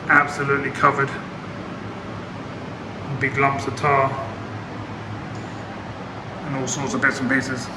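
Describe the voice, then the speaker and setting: A man's voice: medium pitch, level tone, a little slow, pauses often. A man chatting casually while he restores and polishes a car in his workshop, a bit out of breath. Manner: chatty, down-to-earth, self-deprecating. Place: garage workshop. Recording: roomy workshop with clear background noise.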